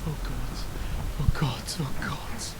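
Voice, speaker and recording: A man's voice: mid-range voice, fairly even intonation, slow, in a whisper, lightly acted. A man playing a terrified, guilt-ridden soul muttering in dread in a video game. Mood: panicked.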